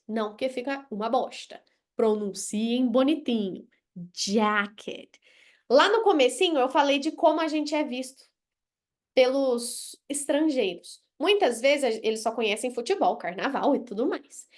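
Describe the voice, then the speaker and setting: Woman English teacher from Brazil, high-pitched, blunt, playful, live online lesson with drawn-out pronunciation demos.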